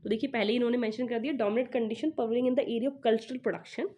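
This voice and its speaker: A woman teacher working through exam questions, reading the English lines slowly and explaining them in Hindi. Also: a little high, fairly even intonation, dark tone.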